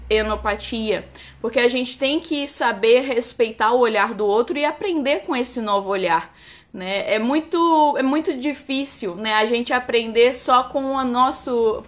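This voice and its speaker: A woman in her thirties from Rio with a Carioca accent, an enologist talking casually on a live stream and padding her talk with fillers. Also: fairly high pitch. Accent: Carioca Brazilian Portuguese. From Rio de Janeiro, Brazil. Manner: chatty, many "né" and "tá" fillers, restarts.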